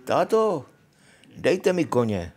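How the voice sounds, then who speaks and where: An older man reading aloud and voicing a cheerful, foolish young peasant who hollers and sings out in high bursts. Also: big pitch swings, a little mellow. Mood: eager.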